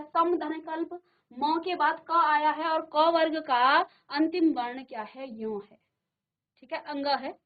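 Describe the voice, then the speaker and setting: A woman's voice: high voice, lo-fi sound. A middle-aged woman teaching a classroom grammar lesson, explaining patiently and checking in with her students as she repeats each point. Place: virtual classroom studio.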